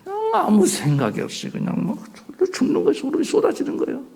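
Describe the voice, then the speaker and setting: A male pastor delivering a sermon, swinging between soft near-whispers and loud outbursts. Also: extremely high pitch, huge pitch swings, fast, creaky.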